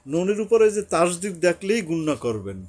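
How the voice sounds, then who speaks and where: A man's voice: high voice, big pitch swings, a little fast, darkish tone. A man teaching Quran recitation, patiently repeating syllables and drawing out recited words to demonstrate. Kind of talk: recitation lesson with explanation.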